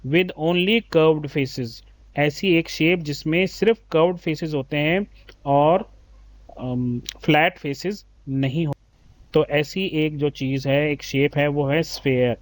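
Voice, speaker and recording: A patient male teacher walks young pupils through a maths workbook. His voice sits a little high for a man. He reads English questions slowly, then explains them in Hindi. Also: dry recording. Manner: patient, addresses children as beta. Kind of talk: explaining a class 3 maths textbook.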